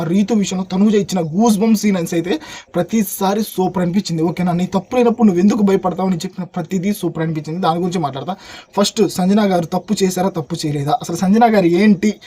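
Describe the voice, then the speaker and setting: Fast, husky-voiced man reviewing eagerly. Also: sits high. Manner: animated, addresses viewers as buddies. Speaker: reality show reviewer. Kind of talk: casual chat review.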